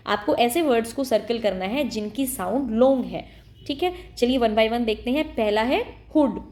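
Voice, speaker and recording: A woman teaching a primary school English lesson, speaking with an Indian accent. She explains patiently, reading English lines slowly and then translating them. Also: fairly high pitch, a little mellow.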